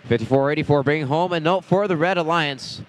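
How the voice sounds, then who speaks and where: A man announcing a robotics competition, giving steady live play-by-play of team numbers and scores at the event venue. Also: fairly high pitch, fairly quick, smooth. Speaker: match announcer.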